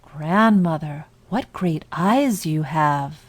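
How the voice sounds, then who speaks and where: A woman's voice: low voice, expressive, slow, no room sound, heavily acted. A woman voicing an innocent, trusting little fairy-tale girl in an earnest, wide-eyed, singsong manner. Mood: wondering.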